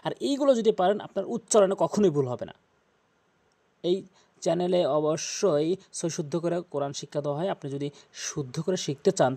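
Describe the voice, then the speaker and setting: A man teaching Quran recitation, repeating each Arabic letter slowly to show how it is said. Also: a little high, gravelly, dark tone, husky. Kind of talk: tutorial on pronouncing Arabic letters.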